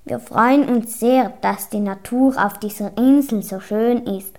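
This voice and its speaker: A woman voicing a boastful pirate captain, speaking lower than her own voice. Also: unhurried. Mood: calm. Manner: mocking, then calm and lower.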